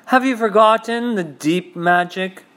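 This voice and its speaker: A man voicing a cold, cruel witch queen with a shrill, imperious manner. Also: measured pace, a bit bright.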